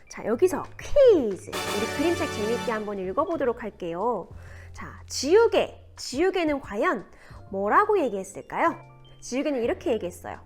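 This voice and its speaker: A woman teacher reading a picture book aloud and explaining class activities in an animated, sing-song storytelling manner. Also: fairly high pitch.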